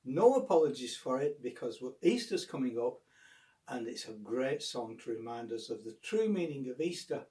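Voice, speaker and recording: A man's voice: mid-range voice, big pitch swings, moderate pace, warm tone, distant mic. A man giving an earnest, upbeat school assembly talk to children, explaining simply like a teacher, asking questions and telling stories.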